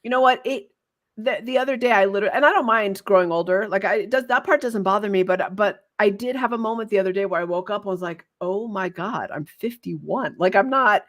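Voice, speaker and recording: A woman's voice: medium pitch, fairly quick, a bit bright. A woman in her fifties hosting a casual interview, chatty and effusive, talking freely with lots of fillers. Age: 50s. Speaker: podcast host.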